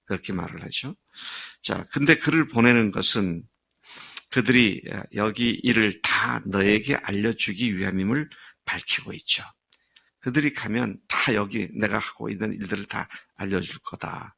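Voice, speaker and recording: A middle-aged pastor delivers a sermon with earnest emphasis, drawing out key phrases and pausing on small fillers. His low, gravelly voice has a husky grain along with a sharp, bright edge.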